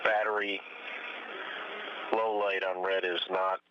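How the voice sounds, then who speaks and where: A man's voice: low-pitched, flat delivery, slow pace. A male astronaut giving clipped, methodical equipment status reports over a space-to-ground radio link. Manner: clipped, methodical, matter-of-fact. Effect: space-to-ground radio downlink. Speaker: astronaut aboard the space station. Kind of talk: terse technical status reports. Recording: muffled radio link, faint hiss.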